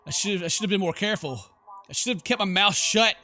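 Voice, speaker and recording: Hosting a horror game let's play, a man with a fairly high, very bright voice reads the on-screen story aloud dramatically at a brisk clip. He's theatrical throughout and bursts into exclamatory reactions of his own.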